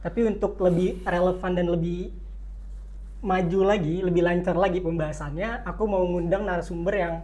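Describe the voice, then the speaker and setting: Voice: medium pitch, fairly even intonation, moderate pace, darkish tone. A young student podcast host who speaks in a chatty, loosely phrased way and gives lots of short acknowledgements. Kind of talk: casual podcast interview.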